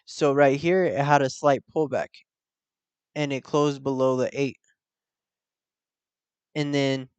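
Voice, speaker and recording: A man's voice: mid-range voice, clear, resonant tone, dry recording. A young man hosting a casual trading tutorial, explaining step by step with slangy asides and check-ins. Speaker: forex trading channel host.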